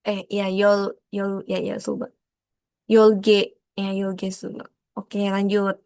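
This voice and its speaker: Woman, online teacher, explanatory and repetitive, dry video-call sound, mid pitch. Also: completely flat delivery, slow, creaky, a little mellow, dry recording. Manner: explanatory, repeats examples, frequent fillers. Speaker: Korean language teacher. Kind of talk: online class lesson.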